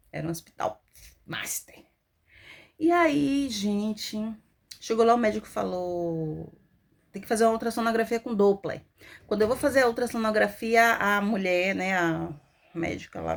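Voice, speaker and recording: Animated woman storyteller. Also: mid-range voice. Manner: emotional, animated storytelling with acted quotes. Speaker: mother telling her testimony. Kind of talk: personal testimony vlog.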